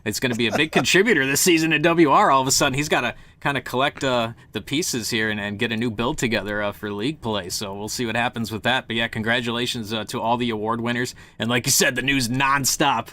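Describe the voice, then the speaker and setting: Male esports co-host, conversational and punctuated with uhs, mid-pitched voice with a sharp, bright edge. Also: quick pace, hardly any pauses. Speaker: esports co-host and league commissioner. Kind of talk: conversational esports news and commentary.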